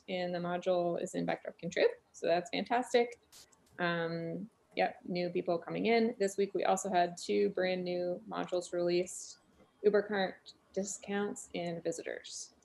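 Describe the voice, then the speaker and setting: A woman with a mid-range, slightly dark voice and some vocal fry hosts a weekly online developer meeting over video call. She keeps things upbeat and organized and thanks the contributors.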